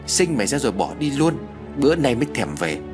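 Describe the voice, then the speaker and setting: A man's voice: mid-range voice, very animated, a little fast, over music, natural voice. A man voicing a bossy, scolding old mother-in-law in a spoken horror story. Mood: doting. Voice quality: sharp, scolding.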